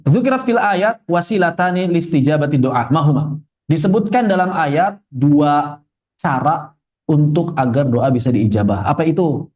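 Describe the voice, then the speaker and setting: A man from Indonesia giving a religious study lecture, joking and quizzing his class, slowly chanting Arabic verses. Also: fairly high pitch, animated, darkish tone. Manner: joking, conversational teacher asking the class questions. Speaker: Islamic teacher.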